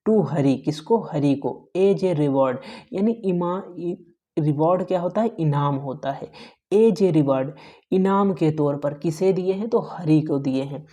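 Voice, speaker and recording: A man teaching English in a soft, mellow voice. He reads each phrase of a story slowly, then translates it and quizzes the listener with quick questions. He keeps adding a patient "ठीक है" to check in. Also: a little high. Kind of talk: teaching English by explaining a story line by line in Hindi.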